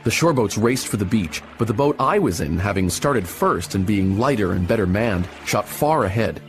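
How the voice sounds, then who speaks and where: Expressive male storybook narrator. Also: lowish voice, moderate pace, soft background music. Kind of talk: storybook reading.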